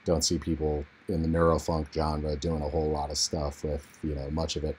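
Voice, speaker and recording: Man, very low, monotone; low-quality internal computer mic in an untreated room; relaxed, filler-heavy tutorial host. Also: slight background noise. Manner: laid-back, relaxed, with frequent fillers. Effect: low-quality built-in computer mic. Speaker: music production tutorial host. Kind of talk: casual software walkthrough. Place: untreated room in a family home.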